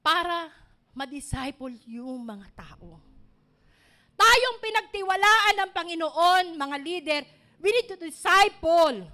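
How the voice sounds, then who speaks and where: A middle-aged woman pastor, preaching an animated sermon built on personal stories. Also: very high voice, takes it slowly.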